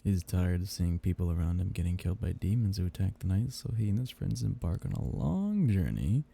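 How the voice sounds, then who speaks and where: In an intimate ASMR roleplay, a man plays a seductive, possessive vampire captor, teasing and condescendingly tender. His low, mellow voice comes as a breathy, gravelly murmur in full character.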